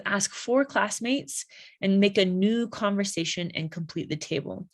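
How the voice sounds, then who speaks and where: Woman, English teacher, very slow and deliberate delivery, models phrases for learners. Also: mid-range voice. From United States. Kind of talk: slow classroom explanation.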